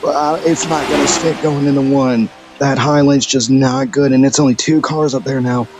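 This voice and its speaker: A man doing rapid, excitable play-by-play commentary of a video game race, out of breath, his voice jumping high on sudden exclamations. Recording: clear background music.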